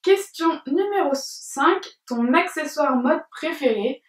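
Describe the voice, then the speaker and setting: A woman's voice: sits high, animated, slow. Hesitant chatty young woman, roomy and distant. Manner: chatty, hesitant with many fillers, giggly. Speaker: beauty vlogger. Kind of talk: casual tag video, showing products. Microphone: camera at some distance.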